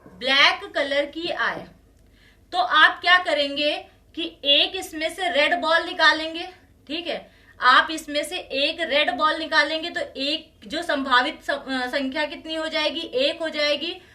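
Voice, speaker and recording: A woman maths teacher giving a classroom lecture, slowly repeating each phrase and often telling students to pay attention. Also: sits high, fairly even intonation, sharp tone, distant mic. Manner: slow and repetitive, says each phrase twice.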